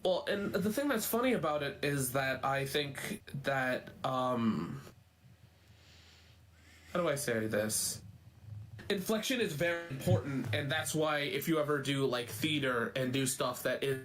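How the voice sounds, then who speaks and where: A young man chatting as a guest, emphatic and quick to cut in with his own points. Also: medium pitch, expressive, a bit bright, slight background noise. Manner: emphatic, interrupts to make points. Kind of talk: casual chat.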